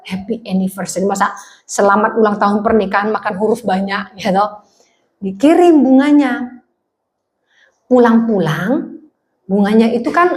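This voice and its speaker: A woman's voice: mid-range voice, darkish tone. A woman pastor, giving a sermon and telling a funny story, acting out the voices in it. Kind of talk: sermon with humorous anecdote. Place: church hall. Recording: echoey church hall.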